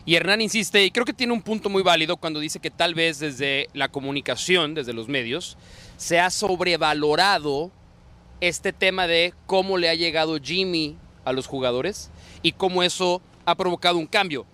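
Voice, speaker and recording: Man, sports show host, questioning, bright tone, high pitch. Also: moderate pace. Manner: steers the talk with questions. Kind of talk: sports panel discussion.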